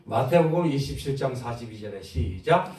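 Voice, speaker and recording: A male pastor preaching a sermon, asking the congregation questions and answering them, moving between loud exhortation and soft low asides. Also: lively intonation, normal speed, slight background noise. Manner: call-and-response preaching, asks the congregation questions. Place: large church sanctuary. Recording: roomy echo, far from the mic.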